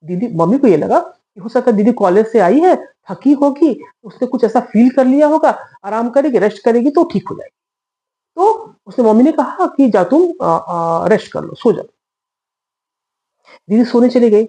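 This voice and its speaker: A woman's voice: fairly high pitch, expressive, moderate pace, dark tone, low-quality recording. A woman telling a personal story in casual conversational style, chatty with fillers and asides to her listeners.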